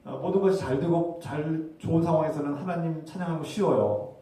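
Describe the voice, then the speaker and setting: A man preaches in a mellow voice, pressing his listeners with rhetorical questions. The sound booms around a big, reverberant church hall and the mic sits well away from him. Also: fairly quick. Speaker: pastor. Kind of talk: sermon. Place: church sanctuary. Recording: very echoey hall, heard from a distance.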